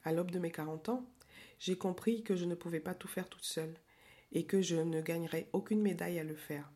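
A woman in her forties records a personal podcast monologue while tired and with a cold. Her voice sits low and mellow. She speaks softly and slowly, with hesitant pauses. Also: fairly even intonation. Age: 40s. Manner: soft, slow and hesitant, with frequent pauses. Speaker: podcast host.

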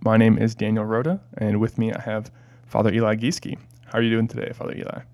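A man's voice: on the low side, completely flat delivery, fast talker, a little mellow, lo-fi sound. A man hosting a parish podcast in casual chat, often hesitant with fillers and restarts. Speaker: podcast host.

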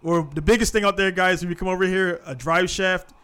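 A man's voice: sits high, fairly even intonation, fairly quick, a bit bright, clear, resonant tone. A man in his thirties hosting a casual podcast chat, laid-back and peppering his talk with "man". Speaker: podcast host.

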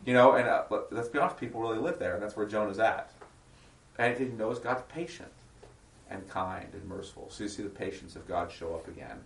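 A man's voice: lowish voice, brisk, gravelly, a little hiss or hum. A man teaching an informal Bible study to a small group, reading scripture aloud and explaining it in casual asides and questions to the group. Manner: asks the group check-in questions. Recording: echoey room, voice far from the mic.

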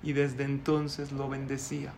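A male rabbi, telling a story in a sermon, animated and chuckling, asking the audience questions. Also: medium pitch, a little slow, creaky, a little hiss or hum.

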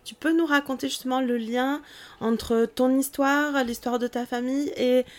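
A woman hosts a podcast interview with a somewhat high voice. She speaks in a curious way, asking follow-up questions of her guest. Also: fairly even intonation, moderate pace. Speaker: podcast host.

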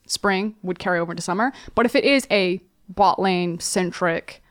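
A woman giving casual esports analysis, animated and quick to act out what teams would say. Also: lowish voice. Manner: animated, acts out quoted voices.

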